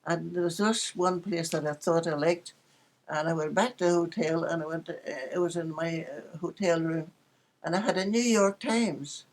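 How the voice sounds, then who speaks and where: A woman in her 80s from Northern Ireland reminisces casually about her life as an interviewee, telling anecdotes chattily with dry humor. Her voice is low for a woman, her pace moderate, and the recording rough.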